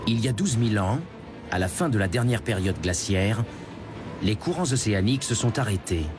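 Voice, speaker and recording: A man reading dramatic scripted documentary narration in a grave, ominous, measured way. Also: lowish voice, animated. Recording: loud music under the voice. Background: loud dramatic music.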